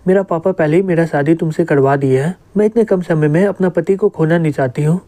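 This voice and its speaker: A man's voice: on the high side, a little fast, warm tone, close to an everyday voice. A man voicing a bossy, possessive young woman who scolds her partner.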